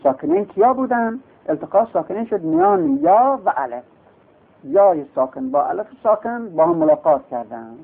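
A man's voice: high voice, very animated, creaky. A male teacher giving a classroom lecture, explaining step by step and asking and answering his own questions. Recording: tinny lo-fi recording.

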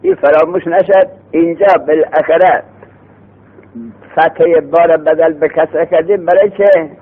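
Husky man teaching a grammar lesson. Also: on the high side, fairly even intonation. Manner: quizzing students, then answering his own questions; slows down to read the text aloud, then speeds up to explain. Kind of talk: Arabic morphology lesson. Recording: tinny phone-like sound.

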